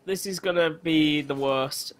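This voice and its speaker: A man's voice: on the high side, unhurried. A young man chatting over a multiplayer game with a teammate, joking, swearing and shrieking when things get tense. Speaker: gamer. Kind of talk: excited gameplay chat.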